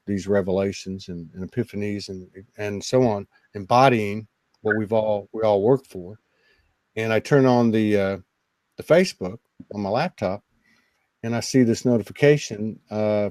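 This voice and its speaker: A man, a guest on a spiritual talk show, telling a personal story in an earnest, emotional, halting way. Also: on the low side, mellow, dry recording, rough recording. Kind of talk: personal storytelling in casual conversation.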